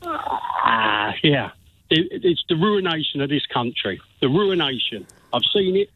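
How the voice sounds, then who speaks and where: Gruff London man on a phone line. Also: on the high side, wildly swooping pitch, measured pace. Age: 60s. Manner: blunt, insistent, repeats himself. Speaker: radio phone-in caller. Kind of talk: heated phone-in argument.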